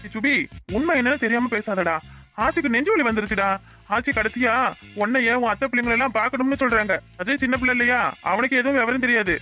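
Woman doing a fast nagging drunk dad. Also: on the high side, bright, forceful tone, faint music behind. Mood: pleading. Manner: rapid, nagging, scolding. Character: drunken village father, scolding and self-pitying. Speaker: voice actor. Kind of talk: cartoon family drama dubbing.

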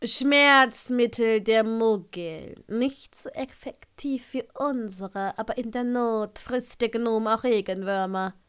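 A woman voicing a curt, sardonic middle-aged male potions master, slow and clipped in a fan-fiction audiobook. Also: a little high, fairly bright tone, smooth. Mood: dry.

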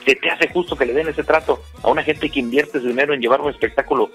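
A man's voice: medium pitch, fast talker, a bit bright, husky, faint music behind. A man with a Mexican accent, a panelist in a heated baseball debate, pushing the others with teasing yes-or-no questions. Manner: pushy, teasing, demands yes-or-no answers.

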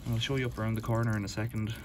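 Rapid-fire and flat, this lowish-voiced UK vlogger strolls back alleys outdoors, filming on his handheld phone. He keeps up a rambling, matter-of-fact walk-and-talk as loud outdoor noise fills the background.

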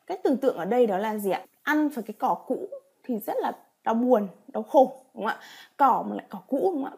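A Japanese teacher with a slightly high, creaky voice, dark in tone with a breathy edge, leads a vocabulary lesson. She reads example sentences aloud, then patiently explains each one, tossing in rhetorical questions to check understanding.

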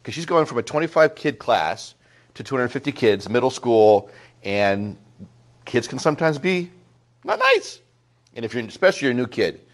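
A middle-aged man giving a talk to a small group of parents, telling a story in an animated way with frequent asides to the room. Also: medium pitch, normal speed. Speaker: school presenter speaking to parents.

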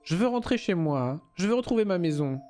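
Guy doing a weepy little girl from a storybook, high voiced, soft faint music behind. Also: expressive, fairly quick. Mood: pleading. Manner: tearful, pleading. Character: sobbing little girl longing for home.

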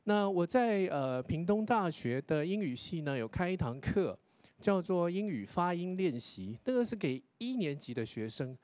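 Male lecturer, contest judge; high, very expressive voice; patient, explanatory critique. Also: moderate pace, no echo. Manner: explanatory, demonstrates English pronunciation, tags sentences with 哈.

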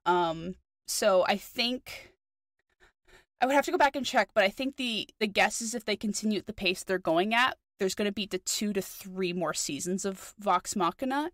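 A woman's voice: mid-range voice, a bit bright, dry recording. Woman, New Zealand accent, podcast co-host; chatty and eager, dry close sound. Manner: chatty, enthusiastic, many fillers. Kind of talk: casual chat.

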